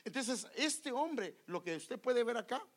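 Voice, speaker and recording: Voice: medium pitch, big pitch swings, measured pace. A preacher gives a sermon in a church, acting out the cries of Bible figures.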